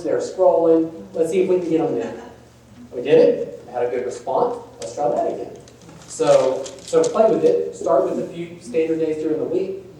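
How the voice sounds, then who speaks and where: A man with a mellow, somewhat high voice leads a workshop at a nonprofit conference, keeping things relaxed and filler-heavy. The large conference room is echoey, and the mic sits far from him.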